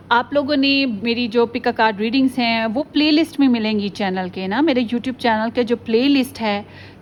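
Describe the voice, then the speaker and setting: Chatty high-voiced woman tarot reader. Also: slight background noise. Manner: chatty, mixes English phrases, often checks in with "ठीक है". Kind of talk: casual pick-a-card tarot video.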